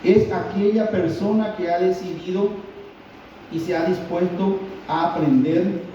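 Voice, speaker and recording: A man with a Paraguayan Spanish accent preaching a sermon as pastor, teaching slowly and deliberately. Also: sits high, steady tone, warm tone, a little hiss or hum. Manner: slow, deliberate teaching with pauses. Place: church hall. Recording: distant, dull, very roomy church recording.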